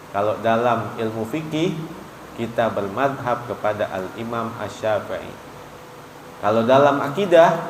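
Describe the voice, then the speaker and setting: A man giving a mosque study sermon, chanting Arabic phrases slowly and then explaining them briskly. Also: mid-range voice, a little hiss or hum. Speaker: religious teacher. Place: mosque hall. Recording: echoey hall, faint ambience.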